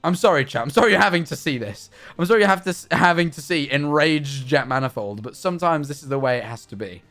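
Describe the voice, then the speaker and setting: A young man streaming live, chatting in a rambling, animated, self-mocking way. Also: a little high, fast, soft background music. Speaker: livestreamer. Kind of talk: casual stream chat.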